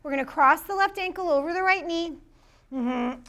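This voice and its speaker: A woman's voice: very high-pitched, normal speed, a bit bright. A woman teaching a live yoga class, upbeat and encouraging, calling out students by name as she cues the poses.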